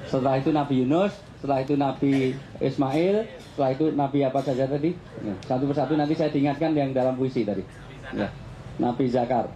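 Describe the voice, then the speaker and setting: A man's voice: medium pitch, fast, mellow, muffled recording. A man preaching in a joking, playful way, quizzing his listeners and playing with words. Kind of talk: humorous religious talk to a crowd. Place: outdoor gathering. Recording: noisy live event recording.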